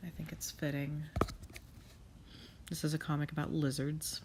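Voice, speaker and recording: A young woman who draws comics talks casually over her drawing, self-critical, cursing softly, and sniffling because of a cold. The voice is low-pitched and a little mellow, with little pitch movement, a moderate pace, and slight background noise.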